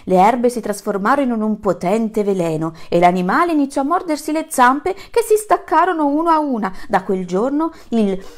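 A woman reading a storybook aloud to children, telling it in an animated, dramatic way. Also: on the high side, normal speed, hardly any pauses. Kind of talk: expressive read-aloud.

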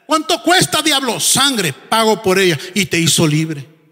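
A man preaching a fervent sermon as pastor, firing rhetorical questions and shouting at the peaks. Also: high voice, big pitch swings, unhurried, long reverb tail, very noisy.

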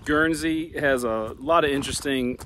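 A man in his thirties chats casually into a handheld camera, first from a car and then out on open prairie. He is easygoing and pauses with fillers and restarts as he thinks aloud. Music plays clearly beneath his voice. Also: mid-range voice. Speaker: travel vlogger. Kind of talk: casual travel vlog. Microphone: handheld camera at arm's length.

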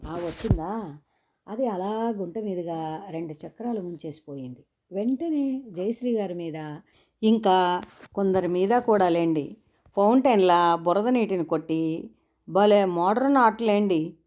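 A woman's voice: lowish voice, unhurried, pauses often, darkish tone, natural voice. A woman voicing a cheeky young male student who teases in a mock-polite way, reading a story aloud. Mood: teasing.

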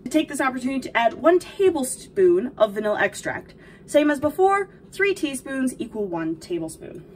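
Young woman as a cheerful video game princess, dainty cooking-tutorial delivery, high and lively, recorded at a distance in a kitchen. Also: normal speed. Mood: gentle, instructive. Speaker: host of a baking video. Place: small home kitchen, indoors. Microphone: camera a few feet away. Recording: distant mic, noticeable background noise.

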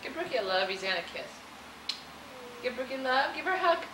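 A woman's voice: high voice, big pitch swings, brisk, reverberant, background noise. A woman coaxing and playfully questioning her toddler during a family home video, heard on old camcorder audio. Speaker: mother filming with her children.

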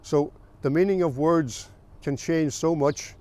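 An older man from the south of Ireland, a farmer recalling his family's history in a plain, unhurried way with small pauses. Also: a little high, warm tone. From south of Ireland, County Meath. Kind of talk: oral history recollection.

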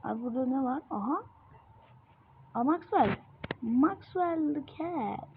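Excitable woman with a tinny, noisy mic. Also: high-pitched, takes it slowly. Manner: excitable, frequent exasperated outbursts. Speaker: gamer. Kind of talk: gameplay commentary.

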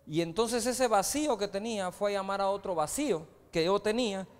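A man preaches, his voice pitched high for a man. He tells stories conversationally, dropping frequent rhetorical asides to the crowd. His words ring out with a long reverb from a large church hall. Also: brisk. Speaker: pastor. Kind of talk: sermon.

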